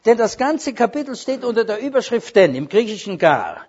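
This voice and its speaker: Husky German-speaking preacher, emphatic sermon. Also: male voice, high voice, sing-song, fairly quick. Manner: emphatic, rising to loud stresses and dropping to asides. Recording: dull lo-fi recording.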